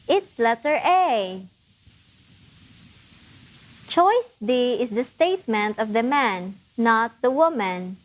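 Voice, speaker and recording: A woman narrating a test preparation lesson, explaining answers clearly and encouragingly. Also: fairly high pitch, low-quality recording. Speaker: test prep instructor. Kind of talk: scripted teaching narration.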